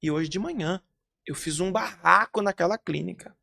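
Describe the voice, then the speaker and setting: A man voicing a distraught woman as she recounts her grief, in a low, subdued retelling. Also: normal speed, creaky, bright, forceful tone, full character voice. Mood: recounting.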